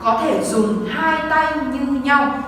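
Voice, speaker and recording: A woman's voice: high-pitched, takes it slowly, a bit bright, slight background noise. A woman with a Vietnamese accent teaching English, reading each exam sentence aloud and then explaining or translating it. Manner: reads English text then translates it line by line. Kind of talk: exam walkthrough lesson. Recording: echoey distant room recording.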